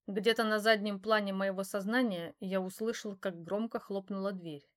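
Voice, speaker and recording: A woman reading a first-person novel aloud as an audiobook, in steady, even storytelling. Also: mid-range voice, normal speed. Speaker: audiobook reader.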